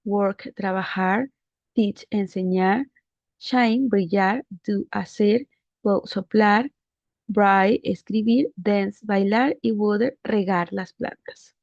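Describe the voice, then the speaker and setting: A woman's voice: mid-range voice, takes it slowly, gravelly, darkish tone, no room sound, highs cut off. A woman teaching English grammar, patiently walking through a worksheet and often checking with rhetorical questions.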